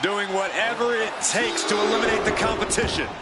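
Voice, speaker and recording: A man giving excited wrestling commentary in punchy, exclamatory short calls. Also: high-pitched, brisk, natural voice. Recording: loud arena crowd and impact noise.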